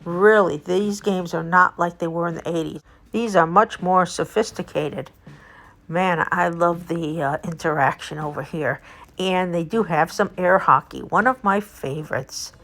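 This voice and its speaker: A woman's voice: lowish voice, unhurried, vocal fry, fairly bright tone. A woman narrating a casual vlog tour as host, in a chatty, enthusiastic way. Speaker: video host and local tour guide. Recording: background music under the voice. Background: music.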